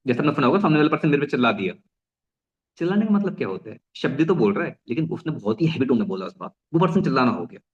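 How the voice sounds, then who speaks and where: A young man giving an energetic network marketing talk, often restarting phrases and mixing in English. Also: medium pitch, rapid-fire, muffled recording. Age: young adult. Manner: mixes English phrases into Hindi. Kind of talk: motivational business talk.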